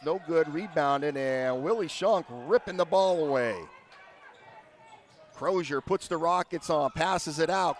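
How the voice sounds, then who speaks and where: Man, basketball commentary, play-by-play broadcaster, somewhat high pitch. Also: fairly bright tone.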